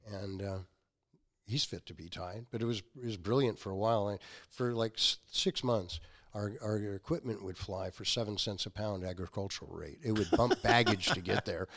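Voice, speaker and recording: Telling casual stories as a guest, a man in his sixties who founded a company acts out the quoted parts with animation. He speaks in a lowish voice at a moderate pace.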